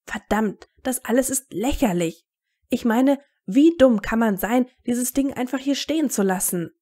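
A woman voicing a hot-tempered teenage boy wizard who shouts and swears in agitation. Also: medium pitch, moderate pace, husky. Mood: furious.

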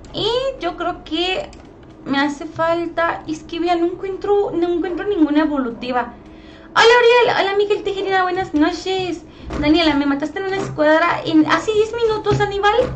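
A young Mexican woman live-streams a shooter game, her very high voice bouncing between casual commentary and quick hellos to her chat. She talks in a chatty, playful way. A faint hiss of noise sits under the recording. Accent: Mexican Spanish. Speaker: gaming streamer.

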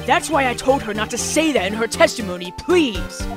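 A woman's voice: on the high side, expressive, moderate pace, pitched below the performer's own voice, lightly acted. A woman voicing an arrogant older male prosecutor, cold and imperious, with a haughty, clipped delivery. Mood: scornful. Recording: game music playing behind.

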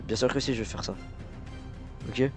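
A man's voice: mid-range voice, normal speed, faint music behind, natural voice. A man voicing a scheming youtuber in a Minecraft role-play, bossing and threatening in casual slang. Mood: smug. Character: scheming male youtuber framing a friend.

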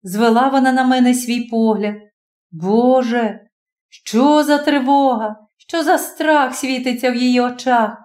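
A woman narrating a classic story as an audiobook, expressive and dramatic. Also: fairly high pitch, measured pace. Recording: roomy echo.

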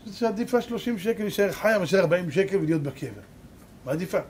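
A rabbi giving a sermon, telling a story dramatically and swinging between loud and hushed. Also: male voice, sits high, animated, slight background noise. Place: live lecture event.

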